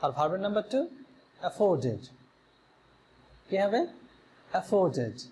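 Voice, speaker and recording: A man's voice: high-pitched, big pitch swings, moderate pace, dark tone, slight background noise. A man with a Bangladeshi Bengali accent teaching a spoken English lesson, spelling words out, repeating them and asking questions that he answers himself. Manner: drills words and spellings, asks and answers his own questions.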